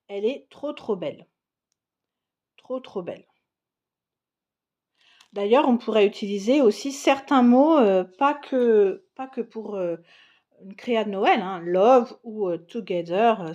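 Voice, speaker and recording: Unhurried woman, slightly high voice, chatty craft vlogger, lots of fillers. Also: darkish tone. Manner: chatty, frequent fillers and restarts, enthusiastic. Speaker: craft vlogger showing scrapbooking supplies. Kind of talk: casual product show-and-tell.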